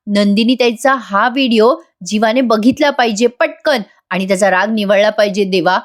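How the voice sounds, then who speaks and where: A woman voicing a playful, pushy young wife in a serial recap, scolding and excited. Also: medium pitch, normal speed, natural voice. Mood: eager.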